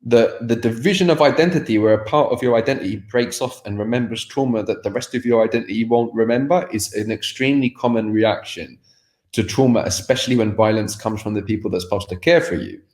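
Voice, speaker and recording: In a candid personal conversation, a language teacher on a podcast talks reflectively about his past, with plenty of fillers and restarts. He speaks a little fast in a mid-range, slightly mellow voice, and the recording is reverberant.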